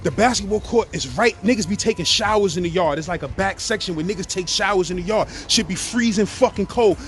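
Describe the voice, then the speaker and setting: A man with a New York accent telling a casual, profane, animated story, often asking if you follow him. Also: high-pitched, brisk. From Brownsville, Brooklyn, New York. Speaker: guest telling prison stories.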